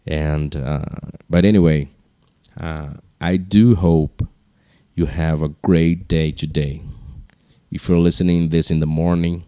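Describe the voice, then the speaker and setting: A man hosting a podcast solo, speaking slowly in a low, hushed register with casual, rambling, earnest encouragement. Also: steady tone, clear, resonant tone, no room sound, studio quality. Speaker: podcast host.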